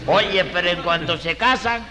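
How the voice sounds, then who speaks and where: An actor playing a fast-talking, argumentative male defendant in a radio comedy. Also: sits high, a crowd in the background, close to an everyday voice. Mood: holding forth. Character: bold, wisecracking male courtroom defendant. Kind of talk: 1940s radio comedy acting. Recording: reverberant old radio recording.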